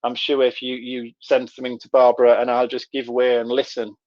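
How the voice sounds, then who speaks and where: A man's voice: medium pitch, monotone, brisk, a little mellow. A man with a Middlesbrough, Teesside accent explaining things conversationally as he presents an online workshop. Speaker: webinar presenter. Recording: dull, lo-fi online call audio.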